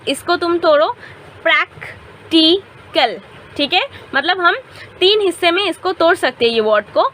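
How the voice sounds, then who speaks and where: A woman's voice: high voice, bright, forceful tone. A young woman teaching an English grammar lesson, mixing Hindi and English and often checking with "theek hai". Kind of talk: classroom lesson explaining grammar.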